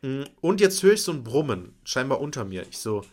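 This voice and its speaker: A man's voice: mid-range voice, fairly quick. A man co-hosting a podcast, casually telling an anecdote and acting out his own reactions. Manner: animated, acts out his own reactions with frequent laughter. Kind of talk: casual storytelling chat.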